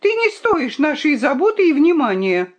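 A woman voicing a sly female fox who fawns and flatters, then scolds sharply, in a storybook reading. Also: sits high, moderate pace, pitched above the performer's own voice. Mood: scolding. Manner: sweet fawning tone, turning sharp.

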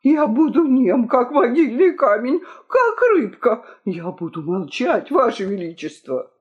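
The storyteller voicing a frightened, servile palace key keeper in a storybook reading, wailing loudly, on a dull lo-fi recording. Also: mid-range voice, lively intonation, unhurried, lightly acted. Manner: loud wailing, pleading.

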